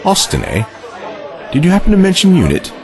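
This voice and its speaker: A man's voice: high voice, huge pitch swings, fairly quick, a faint crowd, heavily acted. A man with a British accent acting a courtly, distracted time traveler in an audio drama, theatrical and inquisitive. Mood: curious, courtly. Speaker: actor. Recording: loud music bed behind the voice.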